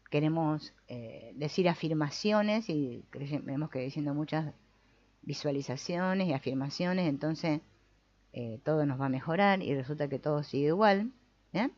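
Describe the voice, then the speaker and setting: A woman's voice: low-pitched, measured pace. A woman, teaching a spiritual talk on the mind and acting out inner voices. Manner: lively, acts out inner voices. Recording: slightly dull lo-fi sound.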